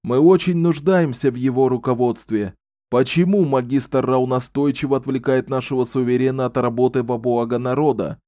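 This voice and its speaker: A man's voice: medium pitch, moderate pace, warm tone, dry recording, studio quality, close to an everyday voice. An actor playing an impassioned male orator who harangues a crowd, pleading and declaiming. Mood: fervent.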